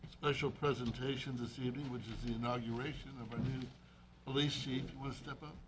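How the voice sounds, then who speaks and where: A man's voice: mid-range voice, steady tone, fairly quick. A man serving as mayor, chairing a city council meeting in a friendly, joking way. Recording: noisy room with crowd murmur.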